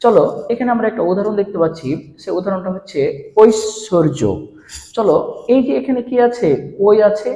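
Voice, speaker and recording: A man's voice: sits high, quick pace, mellow. A man teaching a pronunciation lesson, asking questions and answering them himself. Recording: roomy hall with long reverb.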